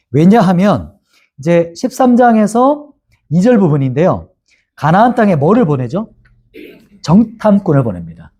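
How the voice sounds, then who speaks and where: A man's voice: a little high, mellow, slightly rough. A male pastor giving a Bible lecture, asking his class questions and answering them himself. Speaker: pastor teaching a Bible course.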